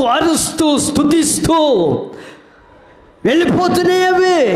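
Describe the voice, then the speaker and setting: High-voiced preaching man in echoey hall. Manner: call-and-response preaching, rising to shouts. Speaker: pastor. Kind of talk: sermon.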